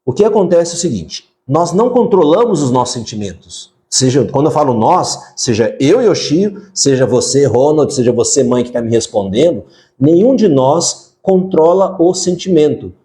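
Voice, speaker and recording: A man's voice: on the high side, very animated, normal speed, mellow. A man, hosting a parenting live stream, talking casually and putting direct questions to the viewers. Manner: conversational, asks viewers direct questions, frequent fillers. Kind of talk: live-stream talk answering viewer comments.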